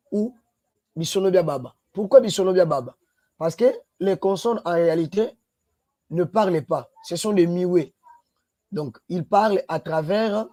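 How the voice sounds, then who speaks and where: A man's voice: on the high side, warm tone. A man, teaching a language lesson and spelling out letters one by one. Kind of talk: slow spoken lesson.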